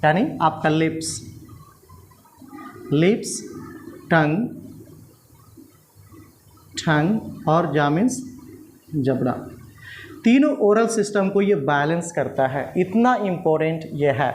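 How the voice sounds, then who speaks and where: A man teaching spoken English in a patient lesson style, repeating drills slowly and calling his viewers friends, standing at a writing board. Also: fairly high pitch, animated, slight background noise. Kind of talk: classroom-style language lesson.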